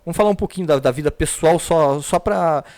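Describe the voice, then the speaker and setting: A man with a slightly high voice hosts a casual church podcast. He rambles, repeats himself and restarts, addressing his guest with respect. He is from Paraná. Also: brisk, a little mellow. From Paraná, Brazil. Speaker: podcast host.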